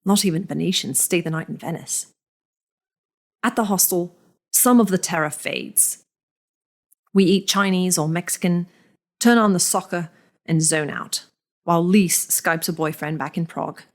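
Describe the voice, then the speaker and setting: A woman with a fairly low-pitched voice narrates a first-person story in a measured, deliberate reading with lingering pauses.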